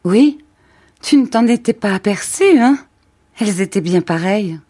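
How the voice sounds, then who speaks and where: A woman's voice: low-pitched, steady tone, a little slow, warm tone. A woman reading aloud voices a worn-out, once-pretty poor wife, speaking plainly and earnestly. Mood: proud.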